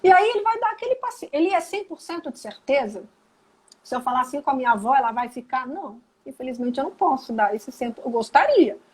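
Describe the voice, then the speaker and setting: A woman's voice: sits high, fast, slightly rough, low-quality recording. A Brazilian woman psychologist talking casually on a live video call, acting out quoted lines as she explains. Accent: Brazilian Portuguese. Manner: animated, acts out quoted dialogue. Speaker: psychologist guest.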